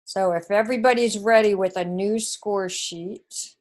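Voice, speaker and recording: Her voice sits in the mid-range, fairly even in intonation and somewhat dark in tone. A teacher from New Zealand by accent, she walks an online class through scoring a test, step by step, slowly and methodically.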